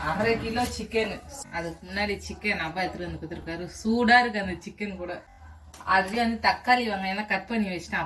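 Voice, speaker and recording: A young woman with a voice on the low side vlogs around a village house and street, chatting casually and treating her viewers as friends. It's a noisy outdoor phone recording.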